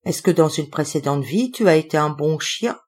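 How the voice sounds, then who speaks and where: A woman reading the part of a playful young man who gently teases an older woman about her dog. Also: low-pitched, animated, normal speed. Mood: teasing. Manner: joking, gently teasing. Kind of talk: audiobook character reading.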